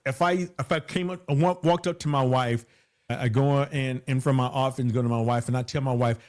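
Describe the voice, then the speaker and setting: This man is a hypnotherapist being interviewed conversationally, and he claims to have a big voice. His mid-range, slightly mellow voice moves briskly with fairly even intonation as he speaks emphatically, repeating phrases for emphasis.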